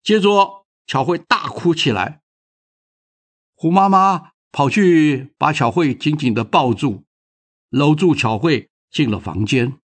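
A man reading a children's story aloud with expressive, dramatic narration. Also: a little high, slow pace, husky.

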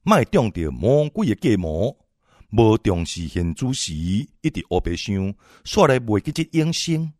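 Low-voiced man preaching with animated swings. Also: unhurried, no room sound, clean studio sound. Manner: exhorting, swings between loud and soft. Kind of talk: sermon.

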